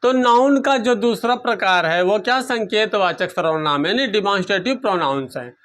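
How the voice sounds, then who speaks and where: A man's voice: high voice, normal speed, a bit bright. A man teaching a grammar lesson, asking questions and answering them himself, repeating key terms.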